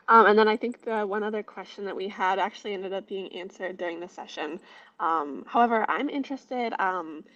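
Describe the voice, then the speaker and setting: A woman moderating a casual Q&A over a video call with a bad, patchy internet connection. She talks in a chatty way, with many ums and likes. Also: medium pitch. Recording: dull lo-fi call audio with faint noise.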